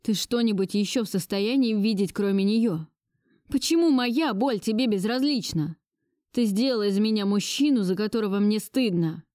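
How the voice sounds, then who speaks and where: A woman's voice: mid-range voice, normal speed, a little mellow, no room sound, studio quality, close to an everyday voice. A woman voicing a defiant young man who bitterly stands up to his grandmother. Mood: enraged. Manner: bitter, resolute outbursts. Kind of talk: audiobook dialogue reading.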